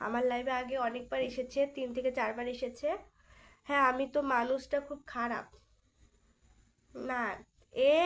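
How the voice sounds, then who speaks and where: Young female streamer, high-pitched, throat sore from illness; casual, teasing chat with viewers. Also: vocal fry, fairly bright tone. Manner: chatty, teasing, greets viewers by name. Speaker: live stream host.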